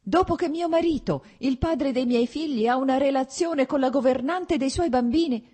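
A woman voicing a wounded, betrayed wife who lashes out at her husband in shrill, bitter, pleading outbursts. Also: moderate pace, dark tone, close to an everyday voice. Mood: outraged.

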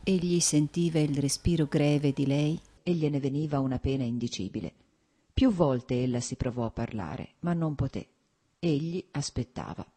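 A woman narrating a classic novel as an audiobook, in an expressive, measured reading. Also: sits low, husky.

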